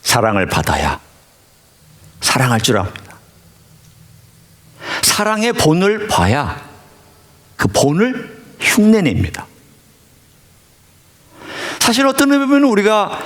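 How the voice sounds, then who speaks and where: Lively-voiced male pastor preaching. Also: fairly high pitch. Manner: storytelling, swings between loud emphasis and hushed asides. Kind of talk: sermon.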